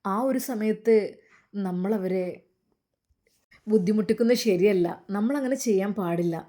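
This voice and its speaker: A woman voicing a kind male doctor who speaks in a measured, reasoning way. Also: mid-range voice, warm tone, lightly acted. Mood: lecturing.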